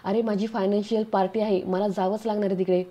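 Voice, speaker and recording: A woman's voice: mid-range voice, little pitch movement, quick pace, dark tone, lightly acted. A woman voicing a proud, irritable young wife who speaks curtly and slips into English phrases. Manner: curt, mixes in English phrases.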